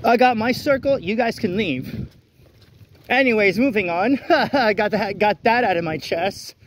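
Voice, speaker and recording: A high-pitched man talks into a handheld phone as he walks a rainy street at night. His delivery is blunt and ranting, full of restarts, with faint wind and rain noise around him. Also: measured pace. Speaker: vlogger. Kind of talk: walk-and-talk vlog rant. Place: outdoors on a wet city street at night in the rain. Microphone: phone held while walking.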